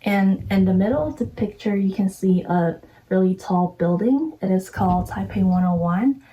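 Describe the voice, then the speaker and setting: A woman from Taiwan presents her slides in an earnest, step-by-step way. Her voice is dark and mellow. She sits a little back from the microphone. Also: medium pitch, normal speed, recorded from a distance, a little hiss or hum, low-quality recording.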